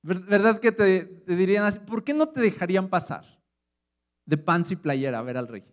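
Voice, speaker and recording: A middle-aged man preaches a sermon with a Mexican Spanish accent, in a casual, conversational way. He keeps asking his listeners rhetorical questions. His voice sits a little higher than most men's. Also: expressive, normal speed. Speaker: pastor.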